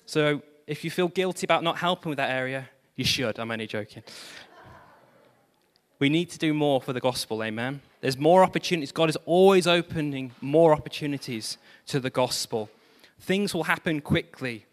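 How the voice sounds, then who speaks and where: Fervent pastor preaching in a hall. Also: male voice, on the high side, normal speed. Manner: animated, self-deprecating humor, exclamations of praise. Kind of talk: sermon.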